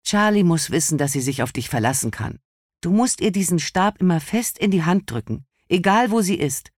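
A man's voice: sits high, animated, normal speed, no room sound, clean studio sound, voice pushed up. A stern mother, read by a male narrator. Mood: earnest, urgent. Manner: firm, insistent. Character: stern worried mother, older woman.

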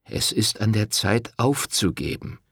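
A man voicing an uneasy village priest in an audiobook reading, speaking slowly and hesitantly in a soothing, sighing manner. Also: fairly low pitch, animated, gravelly, a bit bright, slightly rough, no room sound, clean studio sound, exaggerated voice. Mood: placating.

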